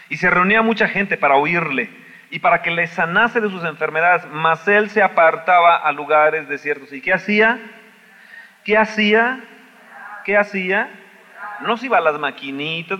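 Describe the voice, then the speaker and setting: A man preaching, his bright, forceful voice rising to cries and dropping to quiet asides. He sounds a little high for a man. The recording is dull, with long reverb from a church hall. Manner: impassioned preaching, swinging between loud cries and soft asides. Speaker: pastor. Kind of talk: sermon. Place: church sanctuary.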